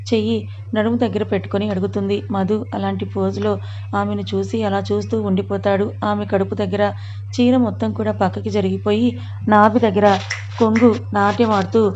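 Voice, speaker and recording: A woman reading a serialized family story aloud in a measured storytelling voice. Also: medium pitch, little pitch movement, darkish tone, highs cut off, slight background noise. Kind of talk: scripted story narration.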